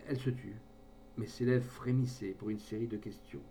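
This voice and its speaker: A man narrating a classic short story in a measured, expressive reading voice. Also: lowish voice, creaky, a little hiss or hum. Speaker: audiobook narrator.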